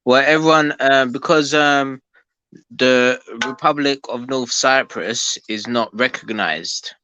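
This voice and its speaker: Bright-toned man chatting. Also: medium pitch, slow pace, clean tone, dry recording, low-quality recording. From London, England. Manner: hesitant, many ums and restarts. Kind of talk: casual chat.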